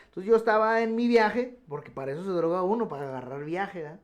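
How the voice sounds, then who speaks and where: Radio testimony guest, man, somewhat higher voice, earnest, keeps restarting. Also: expressive, fast talker, lo-fi sound. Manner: earnest storytelling with many restarts.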